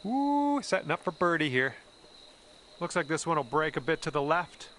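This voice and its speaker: A man's voice: fairly high pitch, moderate pace, sharp tone, a little hiss or hum. A man playing an upbeat, easygoing golf commentator in a video game, calling shots conversationally with exclamations. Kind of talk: sports commentary.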